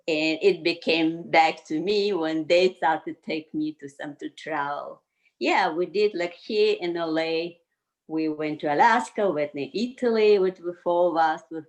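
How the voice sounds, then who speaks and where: A mature woman with an Azerbaijani accent talks casually as an interview guest. Her voice sits low and she takes her time. Her English is halting and loosely put together, as a second language. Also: poor audio. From Baku, Azerbaijan. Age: 50s or older. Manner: halting, loosely structured non-native English. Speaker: interview guest, yoga community member. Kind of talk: casual conversational interview answers.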